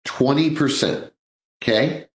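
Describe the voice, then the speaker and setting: A man's voice: mid-range voice, slow pace, reverberant, poor audio. A man in his sixties hosting a live financial radio show, chatting in a folksy way and calling his listeners folks. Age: 60s.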